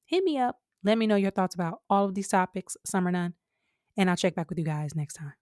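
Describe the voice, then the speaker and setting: This American podcast host has a lowish, darkish voice and talks a little fast, giving emphatic, colloquial opinions straight to her listeners. The studio-quality recording has no echo.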